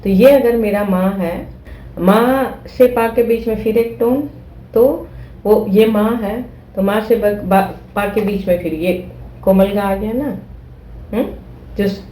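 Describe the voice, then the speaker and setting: A woman's voice: medium pitch, unhurried, dark tone, roomy sound, poor audio. A woman teaching flute who explains patiently, repeating steps and checking that listeners follow. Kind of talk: explaining a music lesson.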